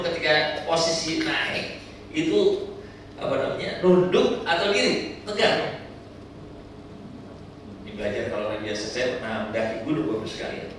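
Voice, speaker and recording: A man delivers a lively sermon to a pilgrim group and keeps throwing questions at his listeners. His voice is bright and a little high. He is recorded from some distance in a hall with heavy echo, with faint background ambience. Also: a little hiss or hum. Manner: lively preaching with rhetorical questions. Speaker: umrah pilgrimage instructor.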